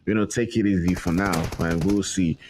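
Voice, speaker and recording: A man's voice: sits low, normal speed, a little hiss or hum. A man giving casual esports color commentary, often repeating phrases. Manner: relaxed, repeats himself with fillers. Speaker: esports co-caster.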